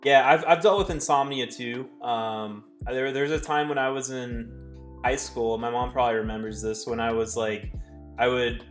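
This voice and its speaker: A man's voice: medium pitch, normal speed, soft background music. A man in his twenties talking casually on a livestream, rambling with many fillers and restarts. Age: 20s. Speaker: streamer reading chat.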